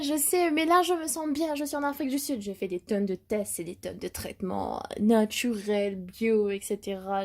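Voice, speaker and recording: A young woman vlogging casually while travelling, chatty and excitable, who laughs often, mixes in English words and trails off mid-thought. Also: fairly high pitch. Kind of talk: casual motivational vlog. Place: travelling in South Africa.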